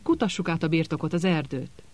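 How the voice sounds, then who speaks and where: A man's voice: on the high side, lively intonation, darkish tone, natural voice. A man reading an angry executioner in an audiobook, snapping his lines. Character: angry gruff male executioner.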